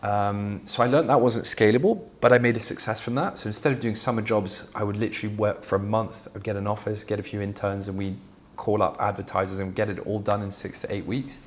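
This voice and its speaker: A startup founder from Belgium, Flemish by first language, answers interview questions conversationally as a guest. His low male voice is fairly quick with fairly even intonation, and he comes across candid and fluent despite frequent fillers and restarts.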